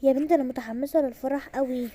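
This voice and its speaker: Woman playing an excited Egyptian bride-to-be. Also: high-pitched, rapid-fire. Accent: Egyptian Arabic. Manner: chatty, excitable. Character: nervous excited young bride-to-be. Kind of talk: home-made toy drama.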